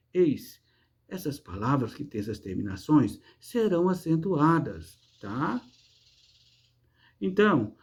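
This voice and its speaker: A man's voice: a little high, a little mellow, dull audio. Patient teacher, a man checking in constantly. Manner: asks rhetorical questions and then answers them himself. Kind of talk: online class lesson.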